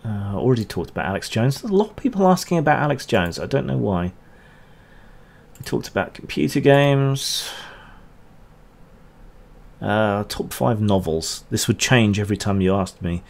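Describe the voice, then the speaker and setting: A man's voice: on the low side, expressive, normal speed, gravelly, pauses often. A man answering chat questions on a casual livestream, rambling and hesitant with dry asides.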